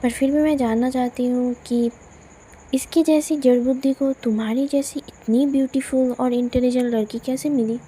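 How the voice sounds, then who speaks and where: A woman's voice: sits high, steady tone, normal speed, mellow, a little hiss or hum, close to an everyday voice. A woman doing Shreya, a teasing bossy cousin. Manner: mocking, teasing.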